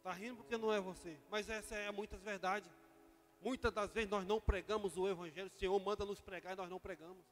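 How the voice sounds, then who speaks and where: Brazilian male pastor, impassioned sermon, high voice, echoing hall with soft music underneath. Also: steady tone, quick pace. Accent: Brazilian Portuguese. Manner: impassioned preaching, swings from loud to quiet. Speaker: vice-pastor.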